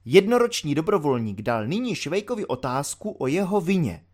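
A man calmly narrating a novel as an audiobook reader. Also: a little high. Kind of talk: scripted narration.

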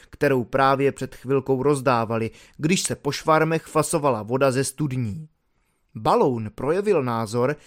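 A man narrating a novel as an audiobook in a lively, expressive storytelling manner. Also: a little high.

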